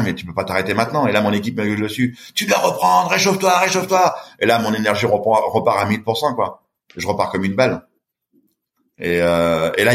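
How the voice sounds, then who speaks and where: A middle-aged man telling a story with animation as a podcast guest, acting out the voices of the people in it. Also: fairly low pitch. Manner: lively, acts out voices in his story. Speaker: guest, long-distance swimmer.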